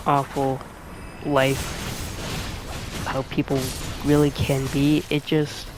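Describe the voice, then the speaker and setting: A man's voice: medium pitch, completely flat delivery, extremely slow, background noise. A young man talking over a game he plays, musing hesitantly with many fillers and restarts. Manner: hesitant, full of "like" and restarts, soft-spoken. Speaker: gaming streamer. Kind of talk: rambling commentary while playing a game.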